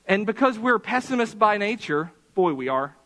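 A man preaching a Sunday sermon as pastor of a church, impassioned and slowing down to stress key words. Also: high voice, sing-song, a bit bright. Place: church sanctuary.

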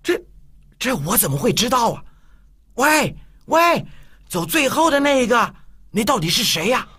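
A man voicing a mischievous, playful young man in an audiobook, talking in a teasing, lively way. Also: very high voice, moderate pace, husky, pitched above the performer's own voice, exaggerated voice. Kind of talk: audiobook character voice.

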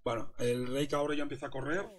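A man's voice: medium pitch, flat delivery, quick pace. A young man, a poker coach commentating his hands live and teasing a viewer in chat.

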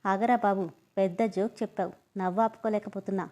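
A woman's voice: mid-range voice, steady tone, a little fast, dark tone, lightly acted. A woman reading a story aloud, voicing a confident young man who questions his friend firmly. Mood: amused. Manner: questioning, firm. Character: confident young man, amused then stern.

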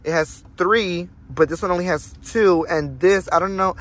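A young man hosts a vlog from inside a car, recorded on a phone camera on the dashboard, chatting casually while swearing and laughing a lot. His voice is high-pitched and a bit bright, at normal speed.

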